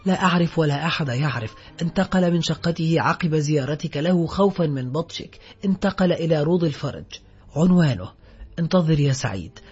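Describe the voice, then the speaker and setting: A man's voice: a little high, expressive, fairly quick, a little mellow, slightly rough. A man voicing a frightened male petty crook in an audiobook, pleading and protesting in a raised voice. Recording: muffled lo-fi recording, faint music.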